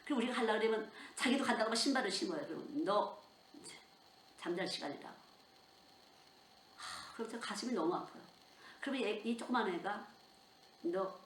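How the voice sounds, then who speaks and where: Older woman, sermon, emotional storytelling, fairly high voice, echoey room, faint background hum. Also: quick pace. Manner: emotional, animated storytelling with sudden outbursts. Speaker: children's missionary preacher.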